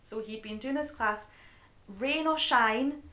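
A candid, chatty woman co-hosts a podcast and swears freely. She moves between loose talk and read narration. Her voice sits a bit high and rings in a roomy space. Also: slow, bright, forceful tone. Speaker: podcast co-host. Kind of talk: casual chat and scripted narration. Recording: roomy echo.

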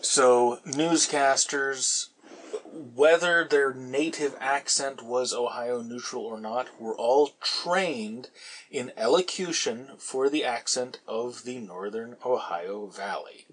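A man's voice: mid-range voice, slow pace, a bit bright, poor audio. A man hosting a podcast who answers a listener's question in a casual, lecturing way, wandering into asides and stopping often for ums and repeated words. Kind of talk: casual explanatory talk.

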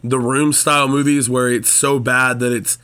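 A man co-hosting a comedy podcast, chatting animatedly and narrating a screenplay, quick to laugh. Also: medium pitch, level tone, sharp tone, smooth. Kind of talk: casual chat and screenplay narration.

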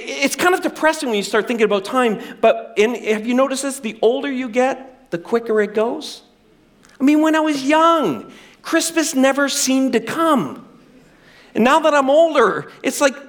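A middle-aged male pastor preaching a sermon with animated, self-deprecating humor. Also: extremely high pitch.

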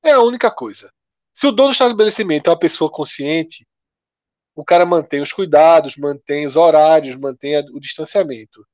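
A man from co-hosting a casual panel chat, talking in a loose, slangy, animated way. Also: a little high, fairly quick, no room sound. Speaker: co-host.

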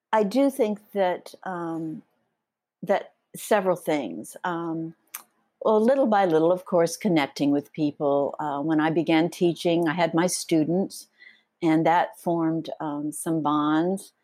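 A woman's voice: low-pitched, slow pace, warm tone, no room sound. A woman author reading her own essays aloud and talking about them in an interview, reflective and a little hesitant.

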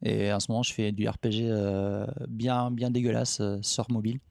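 A man's voice: on the low side, flat delivery, normal speed, vocal fry, darkish tone, dry recording, studio quality. A man guest on a podcast, chatting casually, teasing the others, with hesitant filler words.

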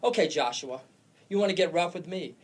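A man's voice: high-pitched, expressive, fairly quick, breathy edge. A man playing a stern middle-aged father who lectures his son in stiff, stilted lines from a film.

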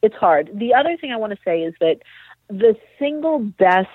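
Husky woman on a tinny phone line. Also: mid-range voice, very animated, normal speed, dry recording. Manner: candid, self-deprecating, explains with examples. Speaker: social worker and parenting guest. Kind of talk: conversational interview.

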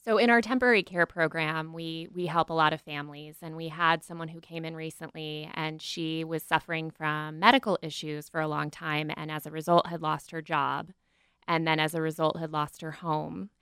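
A woman giving informative answers as an interview guest, articulate and measured. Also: low-pitched, level tone, fairly bright tone, clean tone, no room sound, studio quality. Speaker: animal shelter representative, guest. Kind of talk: casual but informative radio interview.

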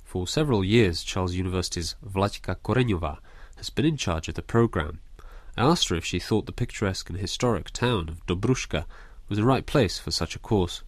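A male radio reporter reading a scripted narration in a measured way. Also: low-pitched, lively intonation, no echo.

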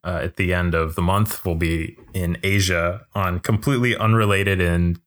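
A man's voice: low-pitched, steady tone, moderate pace. A man co-hosting a gaming podcast, chatting casually and joking around. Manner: joking, rambling. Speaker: podcast co-host. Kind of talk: casual chat.

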